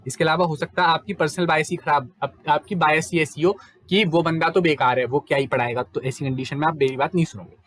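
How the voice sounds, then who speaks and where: A young man teaches in a relaxed, chatty way, switching between Hindi and English terms. His voice sits a little high. He keeps asking his students rhetorical questions and then answers them himself. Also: fast talker. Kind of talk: casual exam-prep lecture.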